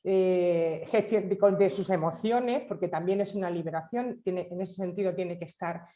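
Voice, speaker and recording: Woman panel guest, reflective and halting, echoey room. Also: fairly low pitch, dark tone. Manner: thoughtful, hesitant restarts. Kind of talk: conversational talk.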